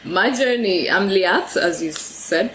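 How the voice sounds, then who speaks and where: A woman from Ethiopia chats as a podcast guest in an easy, friendly way. She laughs often and stumbles over the starts of her sentences. Her pitch is middling, and faint noise sits under her voice. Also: lively intonation, measured pace, fairly bright tone, poor audio. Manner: chatty, laughs often, repeats words when starting sentences. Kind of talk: casual interview chat.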